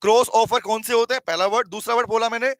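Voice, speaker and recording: A man with an Indian accent teaching an online class, animated and teasing, calling on students by name and repeating key phrases slowly for notes. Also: very high voice, dry recording, rough recording.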